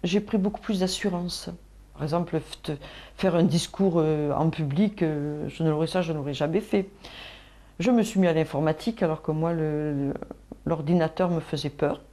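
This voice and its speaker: A woman from France giving a reflective documentary interview about joining hospital nutrition workshops, pausing often with fillers. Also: low voice, dark tone. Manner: hesitant, reflective, many fillers.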